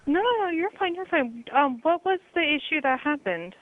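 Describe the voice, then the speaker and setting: Female hotel clerk on a tinny phone line, lively higher voice, calm and reassuring. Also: normal speed. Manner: patient, reassuring. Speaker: hotel front desk staff.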